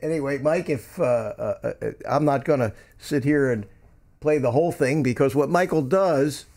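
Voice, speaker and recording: A Philadelphia man in his seventies hosts a casual morning livestream, reading and answering viewer chat while rambling with lots of ums and restarts. His voice is medium in pitch with a somewhat dark tone, and he talks at a normal speed.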